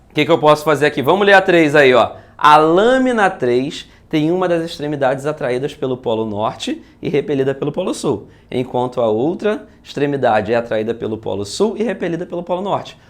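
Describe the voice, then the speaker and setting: A man with a Brazilian accent, a physics teacher working through exam questions in a video lesson, talking in a lively, chatty way and often asking his students if they follow. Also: on the high side, brisk, hardly any pauses.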